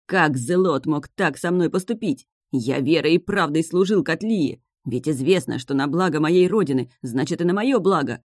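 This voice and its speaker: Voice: lively intonation, moderate pace, few pauses, dry recording, studio quality, close to an everyday voice. A reader voicing a panicking, vain middle-aged male ambassador who shrieks and wails, in an audiobook. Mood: aggrieved. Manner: shrill, wailing and shrieking. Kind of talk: audiobook character voice.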